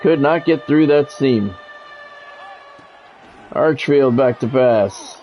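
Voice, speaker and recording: Slow and darkish, this mid-range male voice carries a little hiss or hum. He delivers live play-by-play of a football video game alongside blunt, salty, conversational asides, blending commentary with casual talk.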